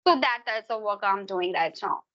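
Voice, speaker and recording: A Hindi-speaking woman from Uttar Pradesh, who teaches English, chats at length on a casual video call in an Indian accent. Her medium-pitched voice is expressive, a bit bright and at normal speed, with the highs cut off; her long, searching answers contain frequent grammar slips.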